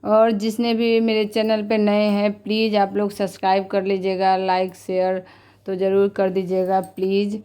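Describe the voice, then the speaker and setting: A woman's voice: mid-range voice, completely flat delivery, moderate pace, warm tone, clear, resonant tone. A woman vlogger in her thirties talking casually and with feeling, often repeating herself. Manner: chatty, repetitive, heartfelt. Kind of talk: casual vlog narration.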